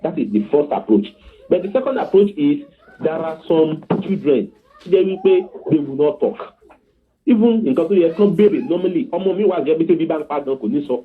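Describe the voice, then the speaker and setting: Over a narrow, phone-quality connection, a man with a Yoruba accent gives a brisk, earnest lesson on parenting as a guest. His voice is a little high and animated, and he mixes in stories while often asking if the listener is with him.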